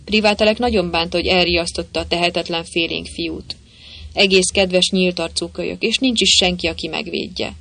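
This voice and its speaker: A narrator reading a novel aloud in a lively storytelling manner. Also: medium pitch, gravelly. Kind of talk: audiobook narration.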